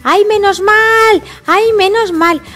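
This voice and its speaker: A bossy little sister piglet scolds and fusses in a very high, squeaky voice, as a woman puts her on. Her Spain Spanish accent is clear, and she sighs over her brother between quick remarks. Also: fairly bright tone, full character voice. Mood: fussing. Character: bossy little girl pig, big sister.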